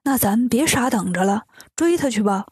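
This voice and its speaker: A kindly, naive monk master who speaks gently and simply, as a woman puts him on. The voice sits fairly high, heard in a dry children's storybook recording. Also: expressive, normal speed, husky, dry recording. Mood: gentle.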